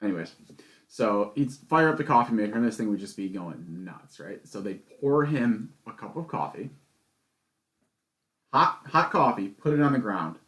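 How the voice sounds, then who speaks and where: A man's voice: lowish voice, animated, moderate pace. A man co-hosting a podcast, telling stories in casual chat with an exasperated, swearing manner. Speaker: podcast co-host. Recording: echoey room.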